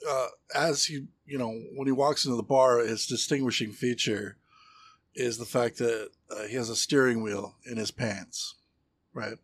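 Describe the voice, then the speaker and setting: A husky, slightly rough-voiced man co-hosts a comedy podcast in a loose, chatty way. He stretches his jokes out, stalling on fillers and restarting his sentences as he goes. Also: mid-range voice, fairly even intonation, moderate pace. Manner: rambling joke-telling with many fillers and restarts. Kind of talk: casual comedy podcast chat.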